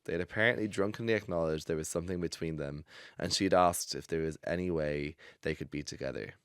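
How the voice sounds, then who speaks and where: A man, a podcast host, reading a personal story aloud in a studio, expressive and breaking into laughter now and then. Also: sits low, fast talker, clear, resonant tone, no room sound. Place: recording studio.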